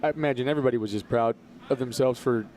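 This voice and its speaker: A man speaks as a podcast guest in an earnest, motivational way, often slowing right down to land a point. His voice is mellow and warm, and it sits at an ordinary middle pitch. Faint noise runs under the recording. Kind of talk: casual conversation.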